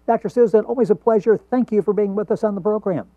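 This high-pitched, fast-talking man has a warm tone as he hosts a radio talk show and walks his guest through tips in a friendly manner. The audio sounds taped from a dull, dry radio broadcast.

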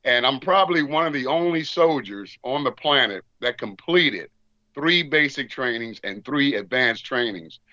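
Middle-aged American male, veteran recalling his life as interview guest. Bright, punchy, earnest delivery, close dry sound. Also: mid-range voice, animated, normal speed, dry recording, highs cut off. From Washington, D.C., United States. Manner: veteran reminiscing about life. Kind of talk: conversational interview storytelling.

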